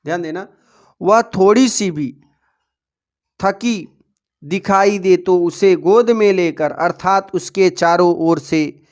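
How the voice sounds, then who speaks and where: High-voiced male teacher explaining exam answers. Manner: addresses students as dear children, repeats prompts to pay attention; recites verse slowly and deliberately. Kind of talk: exam-prep lesson for students.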